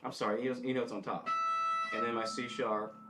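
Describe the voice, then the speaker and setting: A middle-aged man giving an informal guitar lesson, thinking aloud haltingly and correcting himself as he goes, with an easygoing, self-deprecating way. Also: mid-range voice, little pitch movement. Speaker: guitar instructor. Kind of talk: informal instructional demonstration with music theory. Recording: guitar playing behind the voice. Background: guitar notes being tapped.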